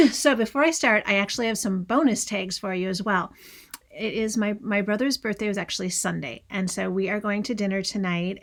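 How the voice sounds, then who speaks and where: A woman with a Midwestern accent talks viewers through a crafting project in a relaxed, chatty way. She gushes over the little details and keeps tossing friendly asides to her audience, with her voice sitting at an ordinary middle pitch. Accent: Midwestern American. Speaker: craft channel host. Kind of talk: casual crafting tutorial chat.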